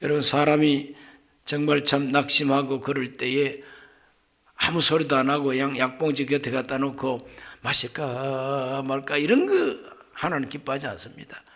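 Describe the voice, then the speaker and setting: High, animated man preaching a sermon. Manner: dramatic preaching, swinging from hushed whispers to loud exclamations; rhetorical questions to the congregation. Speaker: pastor.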